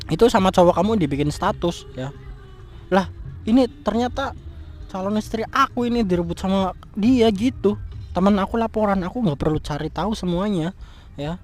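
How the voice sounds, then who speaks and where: A man's voice: high voice, darkish tone, lightly acted. A man playing a furious young man who scolds and curses his cheating fiancée in a scripted street drama. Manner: angry scolding, cursing. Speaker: jilted fiancé.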